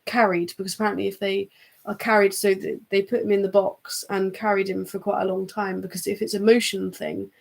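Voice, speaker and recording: Woman, livestream co-host, chatty and giggly, some vocal fry. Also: mid-range voice, little pitch movement, fairly quick. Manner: chatty, giggly, trails off with fillers. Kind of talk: casual chat.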